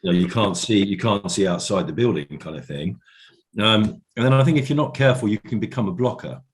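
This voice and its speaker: A man's voice: lowish voice, animated, a little fast. A man answering as an interview guest in casual, reflective talk, often hedging as he goes.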